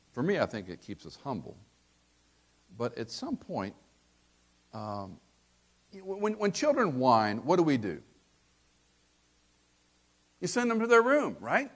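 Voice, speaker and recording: An older man preaching a sermon, asking rhetorical questions and acting out quotes. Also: medium pitch.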